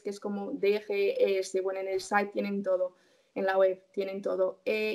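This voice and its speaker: A resident doctor in her twenties, speaking in a fairly high voice with a darkish tone, is being interviewed. She explains steps casually, using many fillers and correcting herself.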